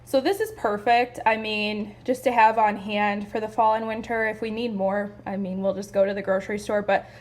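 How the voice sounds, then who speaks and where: A young woman chatting excitedly through a home decor haul, gushing and a little out of breath. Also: mid-range voice, moderate pace, hardly any pauses. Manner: gushing, chatty, lots of "like" and "you guys". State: a bit out of breath. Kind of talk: casual haul video.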